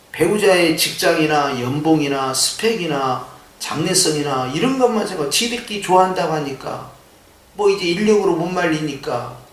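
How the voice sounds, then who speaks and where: A male pastor preaching a sermon in a church, animated and full of rhetorical questions. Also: on the high side. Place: church sanctuary. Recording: echoey church sound from a distance.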